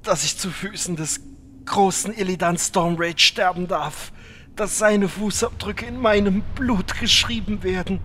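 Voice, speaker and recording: A man's voice: high-pitched, fairly even intonation, measured pace, bright, forceful tone. A man playing a melodramatic, fawning dying victim, overwrought and long-winded, in a fantasy comedy. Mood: theatrical agony. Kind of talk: scripted fantasy comedy dub. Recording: echoey hall, faint noise.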